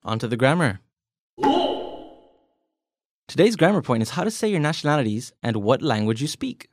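An American man co-hosts a podcast language lesson, explaining each point plainly, nudging his co-host with leading questions and slipping in light jokes. His mid-range voice is animated and fast. It sounds close and dry on the mic, with no echo.

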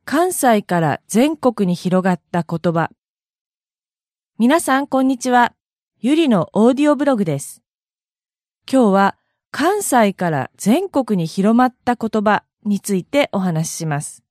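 A woman from the Kansai region hosting an audio blog, reading a prepared explanatory script in a measured way. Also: medium pitch, very animated, darkish tone, no room sound, studio quality. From Kansai, Japan.

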